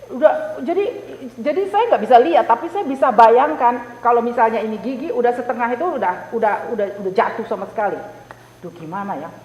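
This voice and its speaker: A woman giving an animated personal testimony to a group, repeating words for emphasis as she tells the story. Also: a little high, a little fast. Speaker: Bible study member giving a testimony. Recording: roomy hall reverb, faint hiss.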